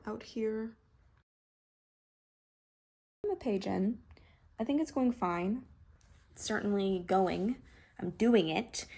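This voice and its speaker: A woman's voice: medium pitch, dark tone, far from the mic. A teenage girl who is sick, chatting casually and rambling in a home vlog. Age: teens. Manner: chatty, rambling, self-deprecating. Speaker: vlogger. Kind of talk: casual vlog talk to camera. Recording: echoey room, voice from off mic, faint noise.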